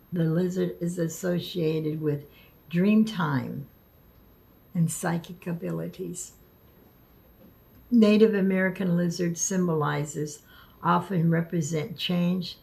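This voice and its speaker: Slow low voiced lady w missing front teeth, lispy n slurred, bit creaky, stumbles on words in a casual vlog. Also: dark tone, rough recording. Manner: halting, stumbles and repeats words. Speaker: video creator. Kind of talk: casual spoken vlog, partly reading aloud.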